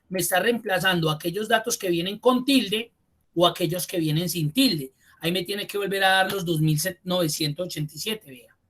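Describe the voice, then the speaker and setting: A man teaching a spreadsheet class online. He repeats key terms slowly for emphasis and speaks to the students directly and informally. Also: sits high, a bit bright. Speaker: computer course instructor.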